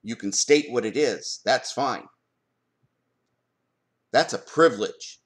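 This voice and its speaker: A man talking in an opinion vlog as a parent. He argues forcefully, stops to ask pointed rhetorical questions and answers them himself. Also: mid-range voice, slow pace. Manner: emphatic, argumentative, fires rhetorical questions. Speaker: parent commenting on school board policy.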